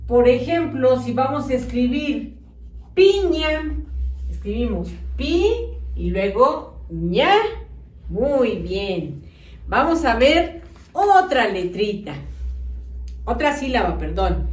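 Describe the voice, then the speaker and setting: A woman teaching children a phonics lesson, sounding out syllables slowly and clearly. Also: a little high, expressive, a little mellow, recorded from a distance. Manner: slow, exaggerated sounding-out of syllables. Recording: echoey room, voice off-mic.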